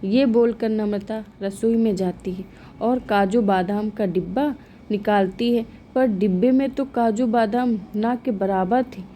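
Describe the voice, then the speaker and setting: A woman narrating a scripted moral story in a calm, even storytelling manner. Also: medium pitch, measured pace, slight background noise.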